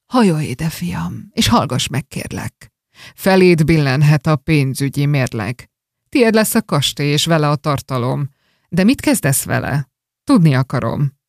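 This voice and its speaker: A reader voicing a dying, miserly old Scottish father in a rhymed story, speaking low and faint with scorn. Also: lively intonation, dry recording, studio quality, natural voice. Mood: hushed.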